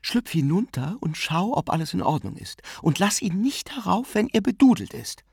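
A man doing a shrill fussy old aunt. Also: huge pitch swings, a little fast, creaky, breathy edge, no echo, clean studio sound, exaggerated voice. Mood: urgent whisper. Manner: shrill, emphatic exclamations. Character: excitable fussy elderly aunt, woman.

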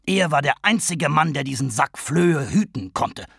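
Guy doing a loud blustery canvasser, gravelly and husky, swears a lot. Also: fairly high pitch, expressive, moderate pace, dry recording, studio quality, pitched above the performer's own voice, heavily acted. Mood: blustering. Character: blustering, hearty Irish canvasser, middle-aged man.

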